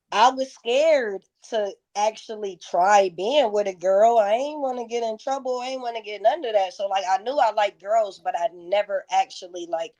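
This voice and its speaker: A woman's voice: medium pitch, a little mellow, muffled recording. A woman in her thirties, a guest in a casual interview, telling stories bluntly with plenty of profanity. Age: 30s.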